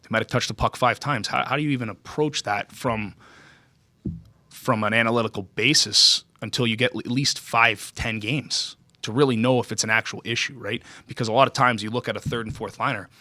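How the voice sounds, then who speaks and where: A man's voice: mid-range voice, steady tone, a little fast, bright, forceful tone, no echo. A man speaking as a hockey coach at a press conference, earnest and emphatic, often checking that listeners follow. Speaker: hockey skills development coach.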